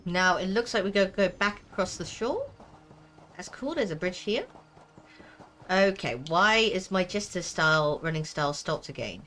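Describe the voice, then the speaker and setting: A woman's voice: on the low side, lively intonation, moderate pace, pushed and bright, a little hiss or hum. A woman game streamer giving casual commentary and reading quest text aloud as she plays.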